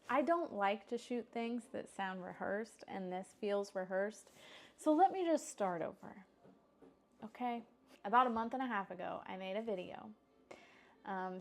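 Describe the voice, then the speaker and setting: A woman's voice: medium pitch, a little mellow. A woman in her thirties from the United States, chatting casually to camera in a home vlog. She is upbeat, laughs often and restarts her sentences. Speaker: homestead vlogger.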